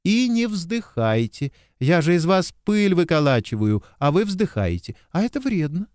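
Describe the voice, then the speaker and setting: A man reading an audiobook, voicing a lively, bossy young woman who teases as she gives orders. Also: on the high side, moderate pace, smooth, dry recording, clean studio sound, voice pushed up. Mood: chirpy. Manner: chirpy, playfully commanding.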